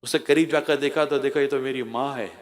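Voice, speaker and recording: A man's voice: mid-range voice, steady tone, fairly quick. A man preaching an emotional sermon, telling a story with dramatic rises and drops. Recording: long hall reverb.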